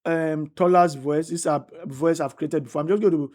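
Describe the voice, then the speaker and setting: This woman's low, slightly mellow voice is brisk and fairly even in intonation as she leads a screen-recorded tutorial walkthrough. Working step by step, she repeats herself often and punctuates steps with "right?"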